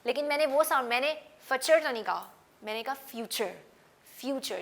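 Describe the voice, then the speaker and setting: A woman's voice: fairly high pitch, fairly bright tone. A woman teaching an English phonics class, spelling words out letter by letter and mixing Hindi-Urdu with English. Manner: calls out to students by name.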